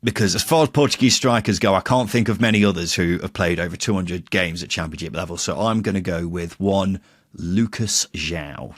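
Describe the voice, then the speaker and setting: In a casual quiz chat on his football podcast, a man jokes around, teases, and throws in some mild swearing. He speaks fairly quickly in a deep voice. The sound is studio quality with no echo.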